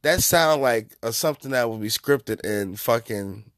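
A man hosting a podcast, giving profane, mocking comedic commentary in an animated way. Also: medium pitch, unhurried, no room sound, studio quality. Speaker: podcast host.

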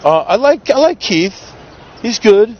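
A high, sing-song voice, a little slow, belongs to a street video creator with a New York accent. In a city park he holds loose, chatty conversations with strangers and a vlog recap, rambling with fillers. The dull lo-fi street recording has a little hiss or hum.

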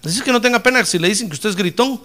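A man preaching a fiery sermon in church, dropping to low asides and then rising to shouted praise. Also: rapid-fire. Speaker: pastor.

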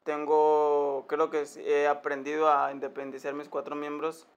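A man's voice: a little high, completely flat delivery, moderate pace, muffled recording. A man in casual banter with friends, often mocking himself. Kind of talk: casual chat.

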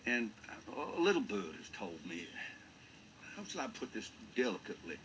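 An actor playing a courtly private detective in a film, questioning someone with cool, deliberate politeness. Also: male voice, on the low side, sing-song, fairly bright tone, a little hiss or hum. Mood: probing, delicate. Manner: coolly polite, probing, deliberate interrogation. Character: courtly, probing male private detective, genteel and theatrical. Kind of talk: film drama dialogue. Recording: muffled film playback with music behind.

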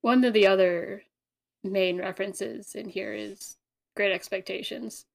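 A woman co-hosting a casual book podcast, animated and acting out her reactions. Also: mid-range voice, a little slow, gravelly. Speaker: podcast co-host.

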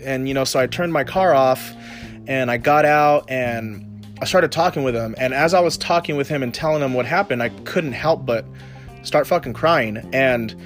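A man's voice: medium pitch, moderate pace, soft background music. A man, a military veteran, telling a personal story in a casual way, with lots of "you know" and swearing. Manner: casual, heavy use of "you know" and profanity.

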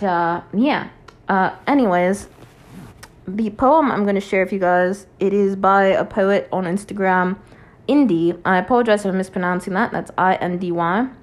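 Chatty woman host musing on poems. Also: fairly low pitch. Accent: unplanned put-on accent when reading poetry. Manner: rambling, many fillers like "you know". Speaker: poetry podcast host. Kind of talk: casual poetry reading and discussion.

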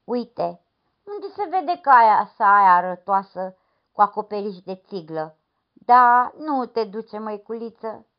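A woman's voice: mid-range voice, lively intonation, pitched above the performer's own voice, close to an everyday voice. A woman voicing a frightened village woman, speaking in a fearful, urgent way. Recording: dull lo-fi recording.

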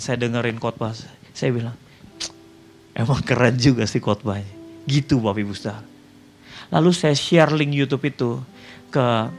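A man preaching a sermon as pastor, telling a story and speaking straight to the congregation before leading a prayer. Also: mid-range voice. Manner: storytelling, addresses the congregation often, ends in prayer.

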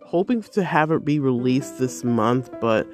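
A bubbly, effusive woman hosts her own life-coaching podcast in a casual, rambling monologue full of fillers. She sounds a little tired. Faint music plays quietly behind her. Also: a bass voice, lively intonation, a little slow. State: tired, yawning.

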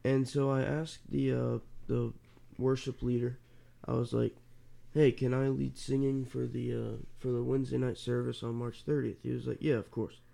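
A man's voice: medium pitch, little pitch movement, moderate pace, gravelly, hardly any pauses, mellow. A congested man co-hosting a podcast, chatting casually and telling stories. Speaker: podcast co-host. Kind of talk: casual chat.

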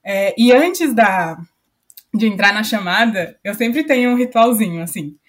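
Brief: young Brazilian woman trainee, chatty storyteller, mid-pitched everyday voice. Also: expressive, unhurried. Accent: Brazilian Portuguese. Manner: chatty, recounting personal experience. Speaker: company trainee, interviewee. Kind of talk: casual interview answers.

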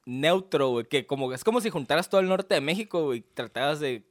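A man from Sonora with a Sonoran Mexican accent, co-hosting a relaxed, slangy chat about anime. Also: a little high, fast, dry recording, studio quality. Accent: Sonoran Mexican Spanish. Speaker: podcast co-host.

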